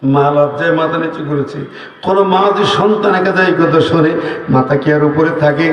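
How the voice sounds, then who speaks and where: A male preacher with a southwestern Bangladeshi accent, telling a story with impassioned shouts and acted-out quotes. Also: fairly high pitch, fairly quick, dull audio. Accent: southwestern Bangladeshi Bengali. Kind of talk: fiery sermon at a religious gathering. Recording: echoey hall from far off.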